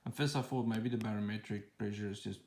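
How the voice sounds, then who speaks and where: Low, gravelly man rambling through an unboxing. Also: steady tone, fast, darkish tone, slight background noise. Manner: rambling, with fillers and restarts. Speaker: tech channel host. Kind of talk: casual unboxing walkthrough. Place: at home. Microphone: phone held in one hand.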